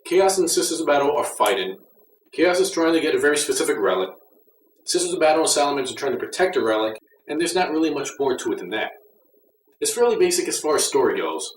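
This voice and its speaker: A man with a slightly high, sing-song voice and quick pace reviews an audio drama in a casual, conversational way, with some mild criticism. The distant mic picks up a roomy echo and faint noise.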